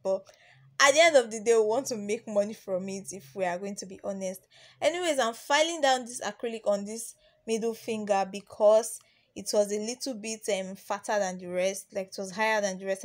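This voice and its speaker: A woman's voice: mid-range voice, a little mellow. Chatty woman narrating a nail tutorial. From Nigeria. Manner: chatty, repeats herself, many ums and restarts. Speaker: nail tech teaching beginners. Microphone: voice-over recording.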